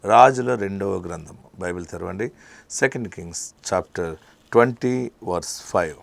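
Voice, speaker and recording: A male pastor delivering an emphatic sermon, dropping to a hush and then rising to loud declarations. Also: low-pitched, moderate pace, creaky, dry recording. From India. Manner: emphatic preaching, swinging between hushed and loud.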